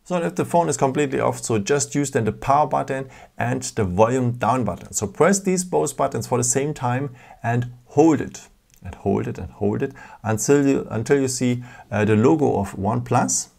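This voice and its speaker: A man's voice: medium pitch, lively intonation, normal speed, creaky, a little mellow. A man hosting a casual step-by-step phone tutorial, patient, with frequent fillers and non-native phrasing, recorded indoors at a table. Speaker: tech tutorial host.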